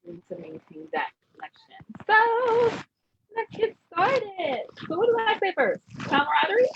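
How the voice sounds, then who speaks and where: A woman who grew up in Germany as an American military child hosts a vision board party, leading a casual spiritual chat in an affirming way and repeating phrases for emphasis. Her voice is extremely high and very animated at normal speed, and the muffled recording carries a noisy background hiss.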